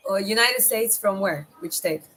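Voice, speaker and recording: A woman with a Georgian accent chats casually as a live streamer, thinking aloud in a halting way. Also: mid-range voice, a bit bright, poor audio. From Georgia (country). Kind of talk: casual livestream chat. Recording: clear background noise.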